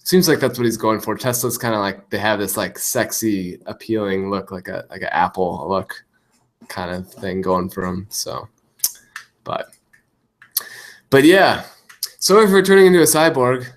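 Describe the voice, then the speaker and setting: A man's voice: fairly low pitch, moderate pace. Man, half robot voice, staticky distorted call line, rambling, hesitant, casual chat. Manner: rambling, hesitant, many restarts and fillers. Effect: glitchy robotic distortion, half robot voice. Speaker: podcast guest.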